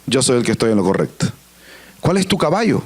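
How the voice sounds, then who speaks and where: A man's voice: medium pitch, big pitch swings, brisk, darkish tone, slightly rough. A man preaching a sermon in a church, dramatic and questioning, acting out the voices he quotes. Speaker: pastor.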